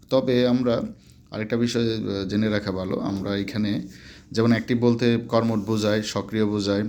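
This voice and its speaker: A man teaching English grammar in Bengali, going through examples slowly and repeating each word form step by step. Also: on the low side, darkish tone, a little hiss or hum. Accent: Bangladeshi Bengali. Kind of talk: explaining a lesson step by step.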